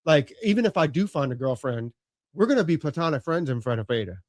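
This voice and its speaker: A man in his late thirties chats loosely on a podcast, his voice sitting a little high for a man. He rambles, leaning on "you know" and "like," and drops the odd swear word. The sound is dry and close. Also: sing-song, quick pace, no room sound. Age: late 30s. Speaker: podcast guest. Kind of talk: casual conversation.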